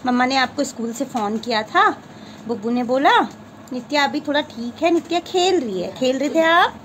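A woman's voice: high-pitched, animated, moderate pace, fairly bright tone, slight background noise, poor audio. A woman vlogging casually about her family, coaxing her children to talk. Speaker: vlogger, mother. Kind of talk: casual family vlog chat.

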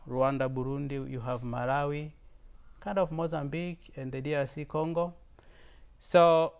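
A man in his thirties speaks in a fairly high, clean voice with a Tanzanian accent; Swahili is his first language. As a visiting fellow, he gives a casual slide talk earnestly, often restarting and repeating words.

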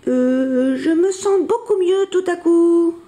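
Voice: very high voice, slow, warm tone, pitched above the performer's own voice. A storyteller voicing Jean-Claude, a patient, sceptical friend who plays along with hesitant, sighing lines and mock dramatic cries for help. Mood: wry. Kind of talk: storybook read-aloud.

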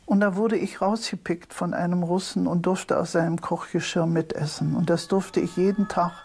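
An older woman speaks in a somewhat low voice in a studio interview. She recollects personal experience as an eyewitness, unscripted. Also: steady tone, normal speed, vocal fry, darkish tone, slight background noise.

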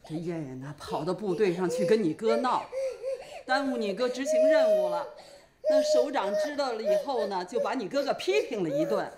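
A woman's voice: on the high side, sing-song, moderate pace. An actress playing a doting older grandmother who soothes a crying baby. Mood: soothing. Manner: cooing, soothing. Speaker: mother and grandmother. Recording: echoey room with crowd noise.

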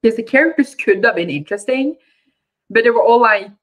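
A woman's voice: on the high side, animated, a little fast, poor audio. A woman co-hosting a book club, chatting casually and hesitantly, with frequent restarts and filler words.

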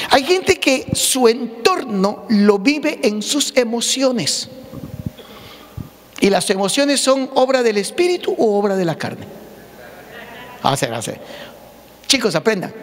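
Pastor preaching a humorous sermon; high, raspy-edged male voice, big reverberant sanctuary. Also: expressive, slow, pauses often, a bit bright. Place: church sanctuary. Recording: long church hall reverb.

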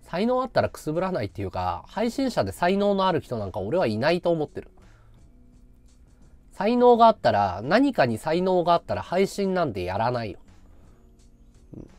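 Rambling male streamer, lively pitch. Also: normal speed, long pauses, dry recording, soft background music. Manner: rambling, muttering to himself while calculating. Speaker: live streamer. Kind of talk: casual livestream chat.

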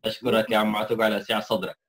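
A man's voice: lowish voice, completely flat delivery, racing, fairly bright tone. A man interviewing a guest in an open conversation, polite and questioning. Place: neighborhood community hall.

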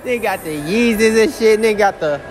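A man's voice: high voice, brisk, over music. A young man hosting a casual street interview in a shopping mall, talking in slangy, hyped bursts and repeating his catchphrases. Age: young adult. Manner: hype, slangy, animated, repeats "you know what I'm saying".

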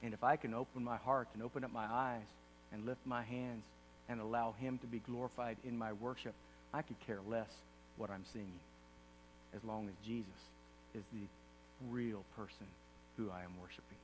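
A man's voice: medium pitch, level tone, moderate pace. A middle-aged man, a pastor, giving an earnest state-of-the-church address from a podium on a large auditorium stage, rising to impassioned emphasis. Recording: distant reverberant hall with faint hum.

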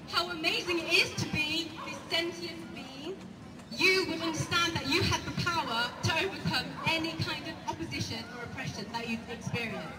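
A woman speaking at an outdoor rally, caught from far back in the crowd, so her very high voice comes through distant and echoey. She is impassioned and emphatic and repeats her phrases. Loud crowd chatter and street noise sit over the recording. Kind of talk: public protest speech. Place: outdoor square before a large stone building. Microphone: camera filming from the crowd, far from the speaker. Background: crowd and passing vehicles.

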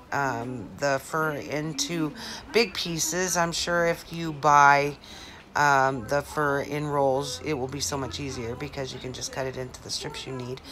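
Low-voiced woman rambling through a craft tutorial. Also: a bit bright. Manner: rambling, lots of fillers and restarts. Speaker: craft vlogger. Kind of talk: casual DIY tutorial chat. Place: living room at home.

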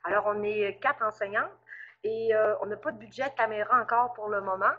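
A woman's voice: mid-range voice, fairly even intonation, a little fast, lo-fi sound. A woman with a strong Lac-Saint-Jean Québécois accent, a French teacher, chatting as she introduces herself on a video call. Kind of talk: self-introduction in a meeting.

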